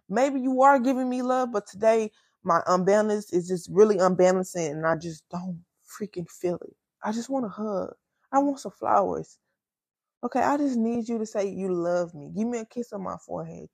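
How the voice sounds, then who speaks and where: A woman in her twenties hosting her podcast, talking candidly and emotionally in casual slang, close to tears and pausing often. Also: mid-range voice, creaky, a little mellow, husky, no echo. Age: 20s. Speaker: podcast host. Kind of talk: personal casual chat.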